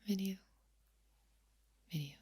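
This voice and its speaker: A woman whispering slowly in an ASMR video, repeating words softly as a trigger. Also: mid-range voice. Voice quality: breathy whisper. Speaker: ASMR creator.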